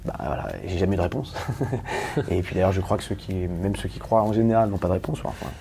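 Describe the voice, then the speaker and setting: A man from Paris, a guest talking candidly in an interview, rapid and emphatic with many restarts and questions to the listener. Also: deep voice, fairly even intonation, vocal fry, warm tone, a little hiss or hum. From Paris, France.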